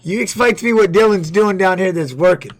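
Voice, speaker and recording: A middle-aged man streaming, loudly telling stories and reacting to fight videos with plenty of swearing. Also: high-pitched, a little fast, crowd noise. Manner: loud, profane storytelling with laughs. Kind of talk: casual stream chat.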